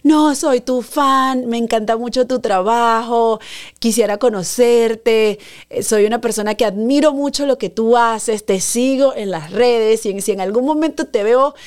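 Woman, podcast host, casual storytelling, animated, fairly high voice, big pitch jumps. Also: a little slow.

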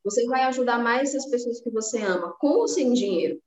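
Speaking a little high and fairly quick with lively intonation, this podcast guest from Salvador, Bahia, has a Bahian Brazilian Portuguese accent. She discusses personal finance earnestly and encouragingly in a casual interview, restarting many times. The recording is roomy and muffled, with crowd noise.

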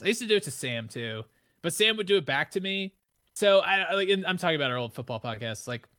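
A Midwestern man hosts a casual podcast in a nasal voice, rambling and excitable, his pitch climbing high when he gets worked up.

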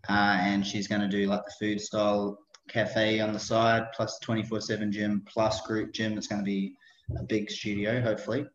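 A man's voice: fairly low pitch, monotone, moderate pace, a little hiss or hum. A man chatting casually as an interview guest on a remote call. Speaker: podcast guest, personal trainer. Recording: dull roomy online call audio.

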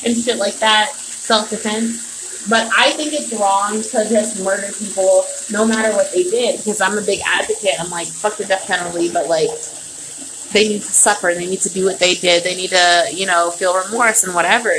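A woman's voice: medium pitch, fairly even intonation, normal speed. A young woman hosting her own podcast, rambling casually and swearing freely, a bit tipsy, recorded at home by the bath. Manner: loose and profane, slightly tipsy. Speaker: podcast host. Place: at home near a bathtub. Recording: noisy home recording with running water.

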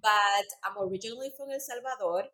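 A Costa Rican woman, a native Spanish speaker with a Central American accent, tells her story conversationally as a podcast guest and Zumba instructor. Her voice is medium-pitched and sharp in tone, moving fairly quickly.

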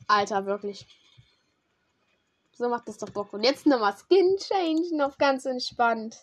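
Excitable high-voiced young woman gamer. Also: measured pace. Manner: excitable, slangy, talks to a teammate while playing. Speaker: gamer streamer. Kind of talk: casual gaming commentary.

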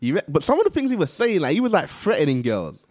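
A young man, hosting a casual chat and telling animated anecdotes. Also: a little high, quick pace, dry recording, clean studio sound. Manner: animated storyteller, laughs through anecdotes. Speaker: podcast host.

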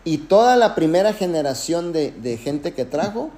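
A man's voice: fairly high pitch, big pitch swings, moderate pace, dark tone. A man who leads a network marketing team, giving an emphatic motivational talk full of anecdotes and direct address.

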